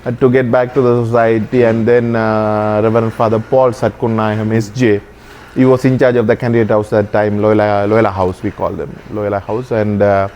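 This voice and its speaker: Earnest Sri priest, low voice. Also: male voice, flat delivery, a little mellow, muffled recording, slight background noise. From Sri Lanka. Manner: earnest, often slowing and hesitating with fillers. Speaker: Jesuit priest guest. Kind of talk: reflective personal storytelling.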